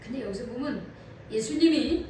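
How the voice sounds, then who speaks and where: A woman pastor preaching a sermon in a church, animated and asking her congregation questions. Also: fairly high pitch, moderate pace, slight background noise. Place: church sanctuary. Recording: echoey hall from far off.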